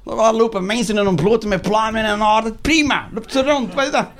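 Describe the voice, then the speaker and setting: High-voiced Flemish man ranting sarcastically. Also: moderate pace, fairly bright tone. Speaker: stand-up comedian. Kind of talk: stand-up comedy rant.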